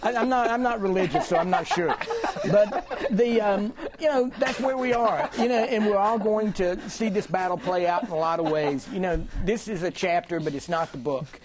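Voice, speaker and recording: A man's voice: high-pitched, brisk, few pauses, a crowd in the background. A man speaking as a panelist on a political roundtable, chatty and joking, with many "you know"s. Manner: joking, chatty, fond of 'you know'.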